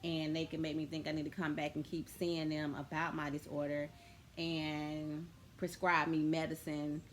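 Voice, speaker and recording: A woman's voice: sits low, flat delivery, moderate pace. A woman talks casually to her viewers. She rambles, restarts and fills gaps with "um" and "like". A faint hum sits behind her voice. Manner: rambling, chatty, with many fillers and restarts. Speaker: vlogger. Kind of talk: casual spiritual vlog talk.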